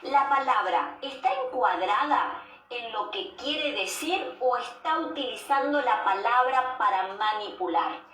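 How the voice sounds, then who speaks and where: A woman giving a devotional sermon as a preacher, measured and repeating key phrases for emphasis. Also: fairly high pitch, animated, fairly bright tone. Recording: roomy echo, distant mic, faint background noise.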